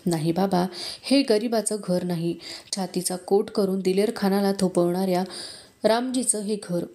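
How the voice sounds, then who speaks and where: A woman reading the lines of a gentle, humble and sorrowful king in an audiobook of a historical novel, speaking softly and respectfully. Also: medium pitch, natural voice. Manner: soft, respectful, measured.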